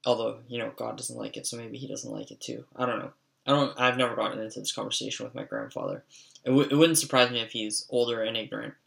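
A young man rambles through casual, profane stories, hanging every thought on filler words. His voice is bright and a little edgy, with a gravelly fry running through it. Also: mid-range voice, steady tone, fast talker. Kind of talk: casual storytelling monologue.

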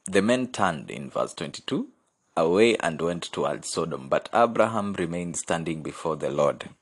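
A man preaching a sermon, reading scripture aloud and explaining it with animated asides. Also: deep voice, moderate pace, husky. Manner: animated, laughs often, switches into Swahili.

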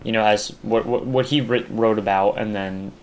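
A man's voice: on the low side, fairly even intonation, normal speed, slight background noise. A young man chatting casually as a podcast co-host, rambling with lots of fillers and restarts. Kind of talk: casual chat.

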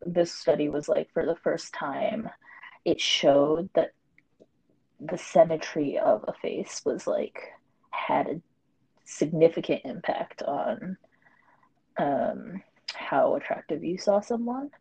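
Low gravelly woman in her twenties, rambling casual podcast talk. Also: slow pace, pauses often, darkish tone, low-quality recording. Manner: rambling, filler-heavy, frequent laughter. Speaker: podcast co-host. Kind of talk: casual chat.

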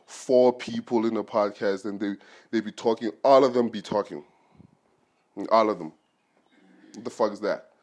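A man with a fairly low voice hosts a podcast on his own and talks straight to the listener. He rambles and jokes, and his speech is loose and full of slang. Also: darkish tone. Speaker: podcast host. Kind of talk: casual solo podcast monologue.

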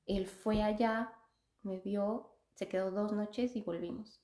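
A woman's voice: mid-range voice, steady tone, slow, mellow. A young woman, a podcast guest, telling a personal story in casual, chatty conversation and laughing often. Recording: echoey room.

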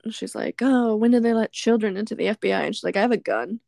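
A woman co-hosts a podcast, casually recapping a film scene by scene and laughing often. Her voice sits on the high side, quick and creaky with a slightly mellow quality. It's recorded over a remote call yet sounds studio-clean, with no echo.

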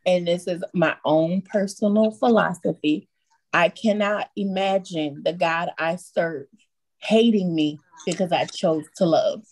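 Animated woman with a twang. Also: on the low side, a little slow, rough recording. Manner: animated, swears freely. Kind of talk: casual chat.

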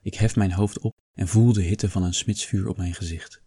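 A man narrating in a low, husky voice with a dark, mellow tone. He reads a first-person story steadily, and the close, dry recording leaves no room sound. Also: fairly even intonation, normal speed, no room sound. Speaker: audiobook reader.

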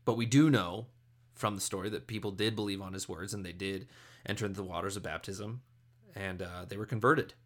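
A man's voice: deep voice, a little fast. A young man giving a casual, conversational scripture study talk, self-deprecating and full of asides.

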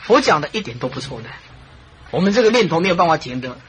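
A Buddhist monastic teacher giving a dharma talk, telling stories in an animated way, with frequent chuckles and repeated phrases. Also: medium pitch, fast, slight background noise, rough recording.

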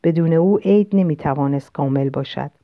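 Low-voiced woman narrating a novel. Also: dry recording. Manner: calm, reflective first-person reading. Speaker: audiobook narrator. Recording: dull lo-fi recording.

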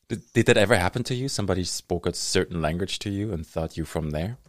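In a casual conversational interview, a native German-speaking podcast host with a German accent laughs a lot and gropes for English words. The low voice is recorded at studio quality, free of room sound.

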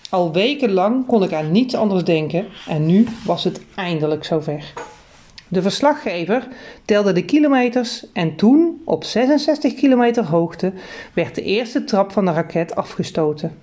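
Woman narrator, children's storybook, expressive reading, mellow warm voice. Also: medium pitch, normal speed.

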